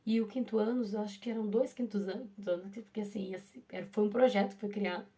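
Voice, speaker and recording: Chatty Brazilian teacher, mellow voice. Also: female voice, medium pitch, steady tone, fast talker. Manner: chatty, full of restarts and "né?" asides to viewers. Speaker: primary school teacher. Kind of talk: casual personal storytelling.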